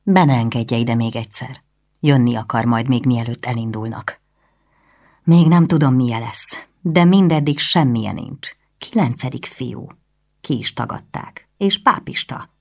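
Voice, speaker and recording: A woman's voice: a bass voice, darkish tone. A woman reading the lines of a worried, strict noble mother, who speaks sharply and anxiously. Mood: fretful.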